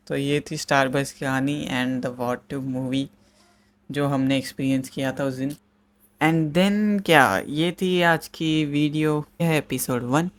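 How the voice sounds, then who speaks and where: A young man casually telling a funny storytime on his vlog, laughing and animated as he recounts it. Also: medium pitch. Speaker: YouTuber.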